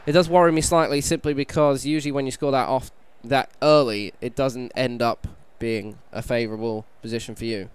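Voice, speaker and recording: A hungover British man giving casual, self-deprecating commentary on a video game playthrough, sounding slightly croaky. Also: mid-range voice, steady tone, brisk, few pauses. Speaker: gaming YouTuber, host. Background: background music.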